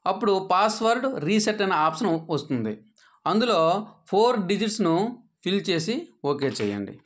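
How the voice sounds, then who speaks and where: A man walks listeners through an app screen by screen, in a somewhat high voice. He talks patiently and instructively, filling pauses with "aa". His sentences sink lower at the end. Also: big pitch swings. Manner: patient, instructive, with frequent "aa" fillers; drops pitch at sentence ends. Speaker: app tutorial presenter. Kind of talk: step-by-step screen tutorial narration.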